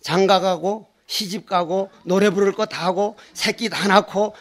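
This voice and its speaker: Folksy Korean monk, high-pitched older man. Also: fairly even intonation, unhurried, fairly bright tone. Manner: folksy storytelling, acts out dialect voices, emphatic repetition. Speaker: Buddhist monk giving a dharma talk. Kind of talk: sermon.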